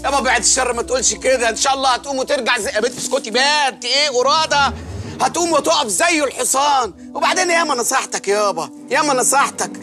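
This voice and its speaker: An actor with an Egyptian accent playing a childish grown son, whiny and mocking, in an exaggerated, wailing comedy style. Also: male voice, very high voice, quick pace, pushed and bright, faint music behind. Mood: mocking chatter. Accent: Egyptian Arabic. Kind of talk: Egyptian film comedy acting.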